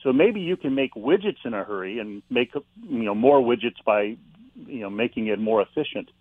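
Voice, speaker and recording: A man talks in a calm, reflective way, with no hurry in his words. His voice comes through a dry, slightly dull line. He sounds like a guest on a faith-based talk program. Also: medium pitch, moderate pace, no echo. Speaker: author guest. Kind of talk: interview about faith and slowing down.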